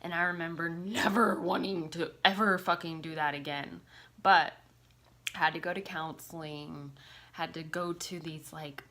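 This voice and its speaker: Woman vlogger with a low-leaning voice, confessional storytelling, loose and filler-heavy. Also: steady tone, moderate pace, pushed and bright. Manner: casual, confessional, lots of "like" fillers; swears casually. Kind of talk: personal storytelling to camera.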